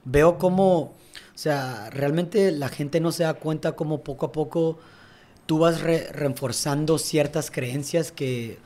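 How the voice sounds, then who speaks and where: A young man, a tennis coach appearing as a guest on a casual podcast, tells his story in a fast, reflective way, often asking "¿sabes?". His voice is fairly high-pitched and a little mellow.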